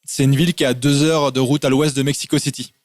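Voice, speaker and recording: A man's voice: medium pitch, fairly even intonation, quick pace, no room sound, studio quality. A man from France, a guest in a casual interview, explaining things in lists with lots of fillers. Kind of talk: casual interview over a call.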